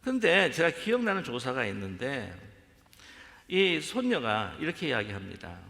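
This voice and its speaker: A male pastor delivers a sermon with a bright, gravelly voice that is pitched a little high. He addresses the congregation directly and throws rhetorical questions at them. His voice rings with a long echo through a church sanctuary. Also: sing-song, normal speed.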